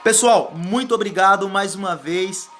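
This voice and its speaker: A man with a high, light voice hosts a casual live stream about public speaking, wandering between tips and greetings for each viewer who joins. Soft music plays faintly behind him. He talks loosely and warmly to his audience, sweating in a warm room. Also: moderate pace. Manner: casual, rambling, thanks viewers by name. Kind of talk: live stream chat, reading viewer comments.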